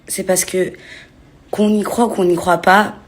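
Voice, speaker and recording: A woman in her thirties telling a personal story to camera in an earnest, shaken way, often dropping to a hushed near-whisper. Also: medium pitch, steady tone, measured pace. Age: 30s. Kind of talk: emotional personal account to camera.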